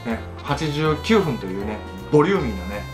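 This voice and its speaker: A man's voice: medium pitch, big pitch swings, fairly quick, music in the background. A man with a Kochi Tosa accent hosting a casual solo radio talk, chatty and self-mocking as he demonstrates dialect phrases. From Kochi, Japan. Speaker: radio show host, voice actor.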